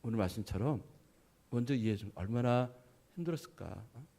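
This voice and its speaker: Pastor preaching in a chatty, earnest way. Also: male voice, mid-range voice, lively intonation, fairly quick. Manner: conversational storytelling with frequent "예" affirmations; swings between loud emphasis and soft, dropped phrases. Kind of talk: sermon.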